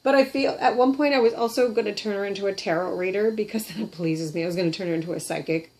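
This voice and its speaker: This puppeteer and vlogger, a middle-aged woman with a Canadian accent, giggles and chats about her puppets at the kitchen table in a chatty, self-deprecating show-and-tell. Her mid-range voice is a little mellow, and she talks at a quick pace.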